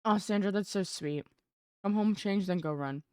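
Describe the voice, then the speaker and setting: A woman's voice: mid-range voice, moderate pace, a little mellow, clean tone, no echo. A young adult woman streaming live, chatting casually with her chat while gaming and greeting viewers by name.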